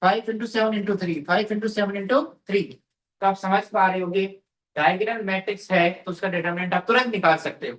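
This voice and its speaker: Teacher, male, fairly high voice, classroom drill style: repeats, quizzes, answers himself. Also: fairly even intonation, brisk, fairly bright tone. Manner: drilling, asks questions and answers them, repeats phrases; calls students "beta". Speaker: math teacher. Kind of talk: classroom lecture. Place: classroom with a board.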